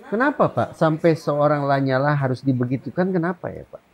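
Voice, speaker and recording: A man hosting a talk show, pressing his guest with quick, probing follow-up questions. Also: fairly high pitch, lo-fi sound. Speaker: host, interviewer.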